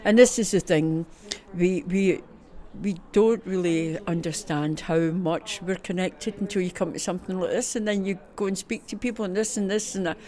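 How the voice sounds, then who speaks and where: A woman's voice: lowish voice, moderate pace, hardly any pauses, warm tone. A woman with a broad Scottish accent, chatting enthusiastically as an event organiser in a casual interview, often repeating words. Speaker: festival organiser being interviewed. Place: busy festival venue at a football ground.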